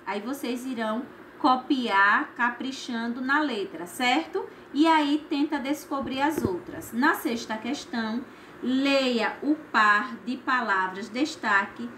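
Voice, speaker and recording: A woman with a Brazilian Portuguese accent teaching a primary school class, explaining each exercise slowly and patiently and checking in with "certo?" after her points. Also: high voice, bright, forceful tone, slight background noise. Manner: slow, patient, tags lines with "certo?". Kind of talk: recorded remote class lesson.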